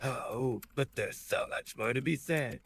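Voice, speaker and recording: Brief: man-voiced grandiose chatbot, flowery old-fashioned lecturing, mid pitch. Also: unhurried, fairly bright tone, breathy edge. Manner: ornate, archaic, lecturing speech. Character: pompous flowery male chatbot, grandiose and theatrical.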